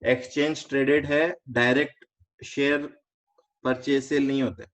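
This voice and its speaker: An Indian man teaches a finance class online in a flat, medium-pitched voice. Step by step he lays out the ideas, firing off quick check questions and mixing English terms in, on a recording that's a bit dull and lo-fi.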